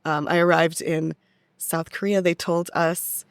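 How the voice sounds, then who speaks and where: This young American woman tells stories chattily as a podcast guest, like a touring theatre actress might, in a fairly low, clear and resonant voice with vocal fry. Her delivery is flat and measured. Clean studio sound, no room noise.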